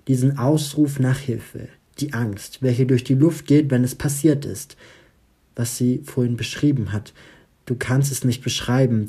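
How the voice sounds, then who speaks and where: A man's voice: medium pitch, mellow, breathy edge. A man narrating an audiobook in a dramatic storytelling manner. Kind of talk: audiobook reading.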